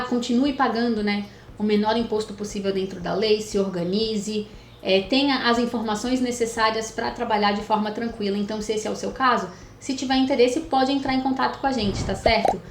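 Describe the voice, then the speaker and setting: A Brazilian woman accountant giving a clear, step-by-step video lesson, often checking in with her listeners. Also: medium pitch. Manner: clear, didactic, checks in with "né?" and "certo?". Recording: echoey room with faint noise.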